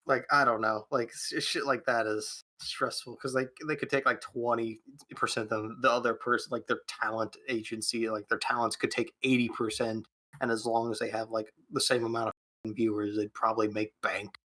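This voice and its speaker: A man's voice: medium pitch, little pitch movement, normal speed, bright, forceful tone. A man co-hosting a casual podcast, rambling with constant fillers. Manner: rambling, heavy use of "like".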